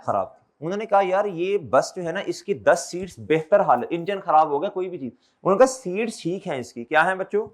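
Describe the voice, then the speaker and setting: A man's voice: high voice, animated, a little fast, few pauses. A man teaching an accountancy class, often repeating his questions back to the students and calling them brother and children. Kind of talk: classroom lecture.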